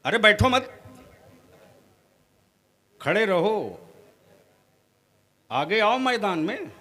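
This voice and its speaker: A man preaching a fiery sermon at an outdoor gathering, questioning the crowd and rising into shouts. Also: high-pitched, sing-song, very slow. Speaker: Islamic preacher.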